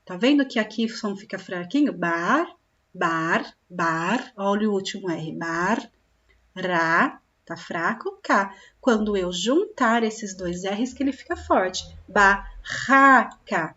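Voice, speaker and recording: A woman teaching a lesson to young children, drawing each syllable out slowly and clearly and stopping often to check that the class is following. Her voice sits at an ordinary middle pitch, and the recording sounds somewhat dull and lo-fi. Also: expressive. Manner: slow, drawn-out sounding of syllables, with frequent check-in questions. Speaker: primary school teacher.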